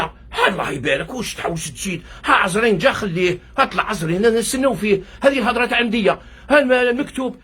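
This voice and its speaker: A man with an Algerian accent rants in a grieving, near-tearful monologue, and his words pour out at a breakneck pace. His voice is rather high and very breathy and husky, and he keeps switching between Arabic and French. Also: fairly bright tone. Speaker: doctor working abroad. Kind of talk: emotional video monologue. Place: hospital workplace.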